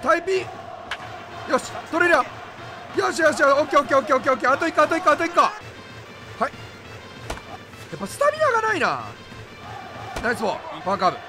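A young man with a Kansai accent commentates his own gameplay in an excitable, high, wildly swinging voice. He talks fast and bursts into rapid repeated exclamations, with game music playing clearly behind him. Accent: Kansai Japanese. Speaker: game YouTuber.

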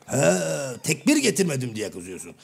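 A man voicing Karagöz, a blunt, half-deaf middle-aged male shadow-play figure who keeps mishearing and twisting his partner's words, with a gravelly, raspy voice. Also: mid-range voice, wildly swooping pitch, moderate pace, heavily acted. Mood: mock-innocent. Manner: mishears everything and answers with cheeky misunderstandings. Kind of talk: comic shadow-play sketch.

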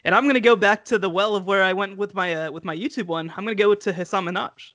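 A man's voice: high-pitched, fast, fairly bright tone, no room sound. A young man in casual podcast chat, talking eagerly in long run-on thoughts over a headset on a video call from home. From United States. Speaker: podcast co-host. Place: home room. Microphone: headset mic on video call.

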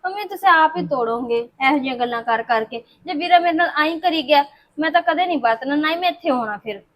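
An actress plays a young married daughter, hurt and arguing back. Her voice is high and her words come fast. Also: animated, slight background noise. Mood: reproachful. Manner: reproachful, argumentative.

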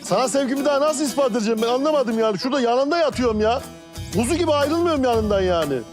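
A man's voice: extremely high pitch, expressive, very fast. An actor playing a hungry, complaining young male sidekick in a TV drama. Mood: whining. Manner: complaining, comic. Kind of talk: TV drama dialogue. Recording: TV drama audio with music underneath.

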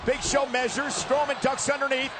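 A man's voice: very high voice, flat delivery, normal speed. A man giving live wrestling commentary as play-by-play announcer, calling the action with dramatic emphasis. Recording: loud arena noise behind the voice.

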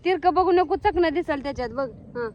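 A woman's voice: high voice, a little fast, dull audio, a little hiss or hum. A young woman with a rural Marathi accent, chatting as she films her farm vlog outdoors on a handheld phone, calling out to animals and family. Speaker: vlogger.

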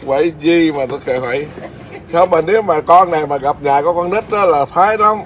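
A man's voice: a little high, brisk. A man who is a Buddhist monk, chatting casually and teasing, laughing often. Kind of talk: casual chat. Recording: noisy background.

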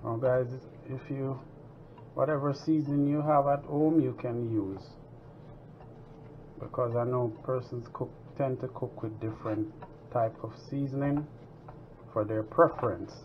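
A man's voice: medium pitch, a little slow. A man hosting a home cooking tutorial in his kitchen, talking casually as he works. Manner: relaxed, chatty, talks while working. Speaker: home cooking show host. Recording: dull lo-fi sound with kitchen noise.

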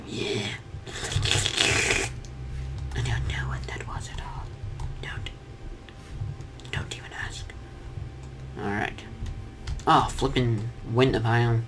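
Through heavy background noise, a young man with a lowish voice gives casual, jokey let's-play commentary on his own gameplay, chatting both to himself and to his viewers.

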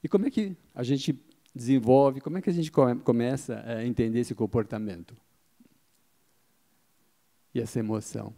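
His mid-range voice is dark-toned with vocal fry, and he speaks at a moderate pace, pausing often. This middle-aged man is delivering a marketing talk into a handheld microphone to a seated event-hall audience, explaining points, asking and answering his own questions, with plenty of "tá?"

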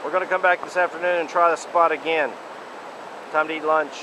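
A man's voice: fairly high pitch, fairly even intonation. A man filming and jokingly narrating a fishing trip by a river, in a playful mock-TV style, recorded on a handheld camera. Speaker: cameraman and host of a home fishing video. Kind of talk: casual outdoor commentary. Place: outdoors by a river. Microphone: handheld camera mic. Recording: outdoor camera audio with clear river noise. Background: rushing stream water.

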